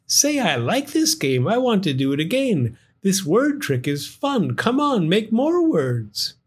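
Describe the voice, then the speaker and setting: A man voicing a mischievous, boastful young firefly in a read-aloud storybook, with a high, excited, squealing voice. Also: takes it slowly. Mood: gleeful.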